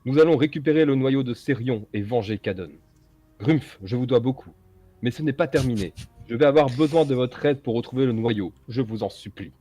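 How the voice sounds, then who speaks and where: An earnest, vengeful fantasy game character, read aloud by a man. The voice is mid-pitched, delivering quest dialogue that implores for help. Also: brisk, dark tone, soft background music, lightly acted.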